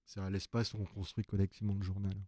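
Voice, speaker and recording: A male journalist with a low, warm, mellow voice talks casually from an open newsroom and thinks aloud as he explains things at length. The sound is dry and close, with almost no room around it. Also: completely flat delivery, fast, no echo. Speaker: journalist on the ecology desk. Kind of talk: casual live chat.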